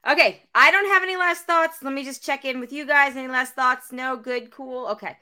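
A woman co-hosting a podcast in casual chat, talkative and quick to laugh. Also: high-pitched, sharp tone. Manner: chatty, laughs often. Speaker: podcast co-host.

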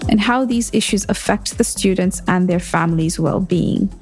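A woman's voice: fairly low pitch, moderate pace, a little mellow, soft background music. A woman hosting an interview podcast, reading an enthusiastic intro before talking with her guest. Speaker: podcast host.

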